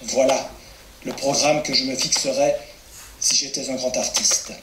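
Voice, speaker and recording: Man reading an old letter, steady, far from the mic, roomy with a hiss behind. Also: mid-range voice, unhurried. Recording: echoey room from far off, noise.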